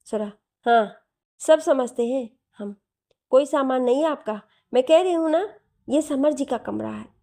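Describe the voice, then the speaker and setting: A woman's voice: high-pitched, animated, mellow. Woman playing chatty young woman, storybook. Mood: accusing. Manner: chatty, quick to accuse. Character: lively talkative young village woman.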